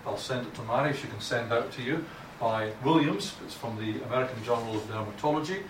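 In a lecture on academic writing, a Scottish male speaker with a mid-range, expressive voice talks briskly, bluntly, and informally, with lots of restarts. The mic is distant, so the noisy recording carries plenty of room echo.

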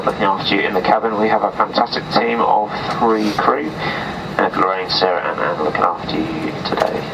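A man, an airline first officer, giving an informal cabin announcement over the PA, hesitating and pausing often mid-sentence. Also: deep voice. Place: aircraft flight deck, over PA. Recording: distant cockpit PA, loud aircraft noise.

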